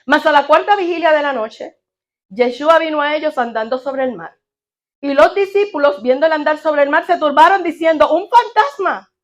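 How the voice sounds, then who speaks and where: High-voiced woman preaching a lively sermon. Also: normal speed. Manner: animated, asks the congregation questions. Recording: audio of a sermon.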